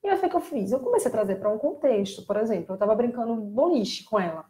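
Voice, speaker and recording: A Brazilian woman who works as a child speech therapist talks casually on a live stream, explaining things plainly and getting animated when she mimics children. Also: a little high, quick pace. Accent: Brazilian Portuguese.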